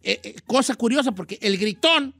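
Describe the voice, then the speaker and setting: A man's voice: extremely high pitch, expressive, normal speed, vocal fry, bright, forceful tone, no room sound. A middle-aged man with a Mexican Spanish accent, hosting a casual radio advice chat in a slangy, rambling, self-mocking way. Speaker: radio host.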